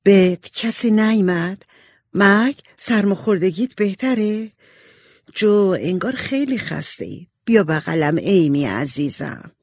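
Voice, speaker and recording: A narrator voicing a loving, calm mother of four daughters who speaks slowly and tenderly. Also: medium pitch, no room sound, pitched above the performer's own voice.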